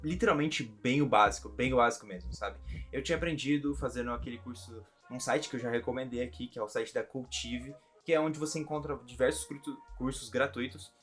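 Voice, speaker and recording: A young man from Brazil with a Brazilian Portuguese accent, talking casually in a reaction vlog, chatty and quick to laugh. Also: medium pitch, a bit bright, faint music behind. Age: young adult. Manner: chatty, laughs often, repeats himself. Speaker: vlogger.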